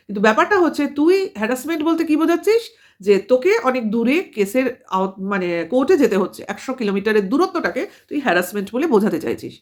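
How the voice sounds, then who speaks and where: A woman delivers a rapid commentary to camera, her voice sitting a little high. She lectures like she is scolding someone directly, piling up rhetorical questions as she goes. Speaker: vlogger.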